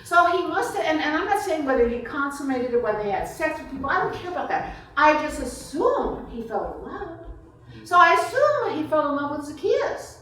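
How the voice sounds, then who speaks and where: With a high, sing-song, fairly bright voice, a woman author briskly answers audience questions. In a reception room before a small crowd, she rambles informally and thinks aloud in fragments, and the recording is echoey and picked up from afar.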